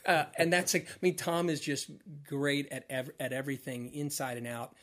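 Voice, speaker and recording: A middle-aged man, a former mascot performer, chatting as a podcast guest, telling animated stories with frequent laughs and restarts. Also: mid-range voice, normal speed. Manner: animated storyteller, laughs often, restarts words. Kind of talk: casual interview chat.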